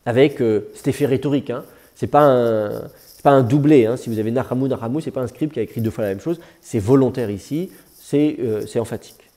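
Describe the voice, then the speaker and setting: A man's voice: medium pitch, brisk, dark tone. A man teaching a classroom lesson, patiently explaining and correcting students as they read aloud. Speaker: teacher of biblical Hebrew. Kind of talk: classroom lecture.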